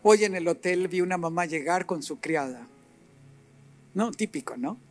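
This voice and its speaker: A middle-aged man preaching a sermon, animated and rising to emphatic peaks as he acts out little scenes. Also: high voice, normal speed, soft background music.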